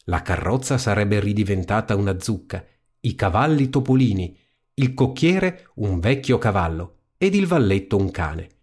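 A man reading a fairy tale aloud as storybook narration, in an expressive, lively manner. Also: on the low side, normal speed, slightly rough.

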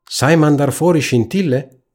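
A man's voice: on the high side, measured pace, darkish tone, breathy edge, pitched above the performer's own voice. A man reading a storybook aloud, voicing a smug house cat who quizzes and talks down to others. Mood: condescending.

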